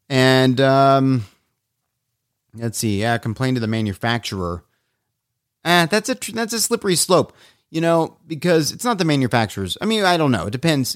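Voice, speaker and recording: A man's voice: mid-range voice, no echo, studio quality. A man hosting his own podcast in casual solo chat, loose and profane, rambling with restarts and asides. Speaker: podcast host.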